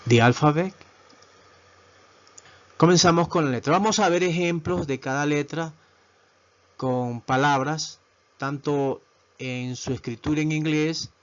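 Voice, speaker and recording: Man, teacher, unhurried delivery, repeats each word, dull lo-fi recording. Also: a little high, fairly bright tone. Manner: slow, repetitive, asks "¿verdad?" often. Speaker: English teacher. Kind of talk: video lesson.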